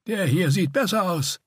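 A man's voice: sits high, breathy edge, dry recording, clean studio sound, pitched above the performer's own voice, heavily acted. A man voicing a tall, older male warrior who grumbles and speaks dismissively.

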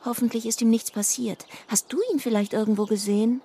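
A woman's voice: fairly high pitch, fairly even intonation, a little fast, warm tone, a little hiss or hum, pitched above the performer's own voice, natural voice. A woman voicing a young, spirited girl elf in a children's story. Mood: eager worried.

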